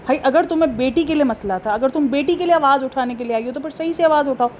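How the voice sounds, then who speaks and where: A woman with a high voice talks straight to her viewers in a casual commentary vlog. She scolds and fires off rhetorical questions in an exasperated tone. A faint hiss of noise sits under her voice. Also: fast, a little mellow. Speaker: commentary vlogger, channel host.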